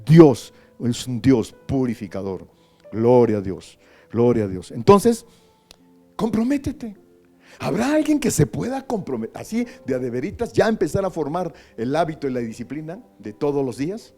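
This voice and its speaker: A man with a Mexican accent, a pastor preaching a sermon in a chatty way, repeating words and asking questions, then swelling into loud, drawn-out prayer. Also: medium pitch, animated, faint music behind. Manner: conversational, repeats words, asks the congregation.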